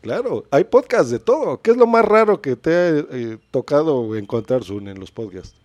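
Mexican male podcast host, casual explainer, mellow tone, dry close sound. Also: mid-range voice, very animated, normal speed, no echo. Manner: chatty, asks "¿no?" often. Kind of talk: casual instructional chat.

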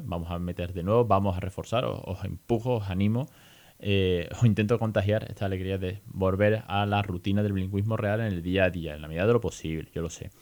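A man with a Spain accent hosts a casual podcast monologue in a fairly low voice. He talks in a lively, chatty way and slips English phrases in between. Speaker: podcast host.

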